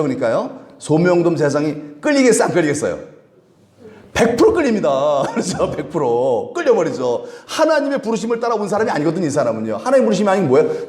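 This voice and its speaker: A male pastor preaching at a Friday prayer service, animated, acting out the people he quotes and chuckling often. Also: on the high side, roomy sound. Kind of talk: sermon. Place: church sanctuary.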